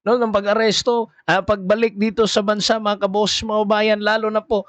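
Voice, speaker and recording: A man giving casual political commentary, halting and full of fillers, often repeating his greeting to viewers. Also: sits high, little pitch movement, fairly bright tone, dry recording.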